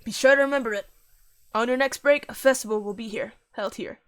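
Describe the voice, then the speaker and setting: A woman voicing a confident, bossy teenage class leader, loud and commanding. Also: fairly high pitch, a little fast, lightly acted. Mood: bold.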